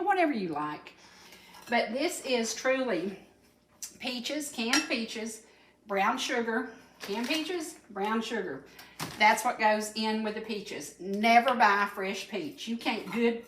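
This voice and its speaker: A woman's voice: a little high, bright, forceful tone, echoey room, a little hiss or hum. A woman in her seventies with a Southern US accent, hosting a cooking segment on a local TV talk show in a folksy, chatty, playful way. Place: TV studio kitchen set.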